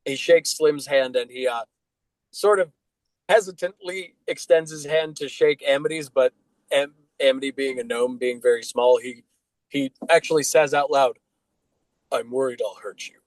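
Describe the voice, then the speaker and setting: A man narrating as dungeon master in a tabletop game, relaxed and loose with many fillers. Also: mid-range voice, moderate pace, no echo, low-quality recording.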